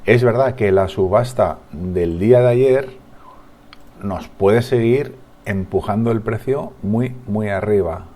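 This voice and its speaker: A man's voice: on the low side, takes it slowly, dark tone. A man with a Spanish accent from Spain, giving a market analysis over charts as a trading analyst, thinking aloud with frequent restarts and tag questions.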